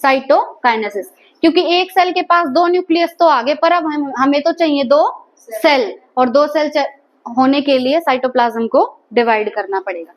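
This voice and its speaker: High-voiced woman teaching biology. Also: moderate pace. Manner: asks the class questions and repeats the answers. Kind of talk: classroom lecture.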